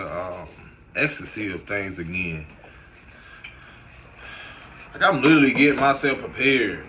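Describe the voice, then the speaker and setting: A man giving a casual, loose, profane monologue to camera as a vlogger, mixing stories and advice. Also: medium pitch. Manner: loose, profane, animated storytelling. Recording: noisy background hiss.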